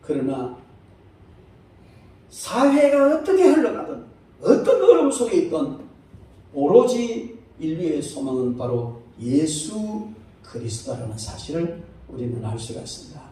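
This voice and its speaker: A man preaching a Sunday sermon as pastor, swinging between loud, high exclamations and low, quiet asides. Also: big pitch swings, unhurried, pauses often, distant mic, a little hiss or hum. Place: church sanctuary. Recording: echoey church hall, speaker away from the mic.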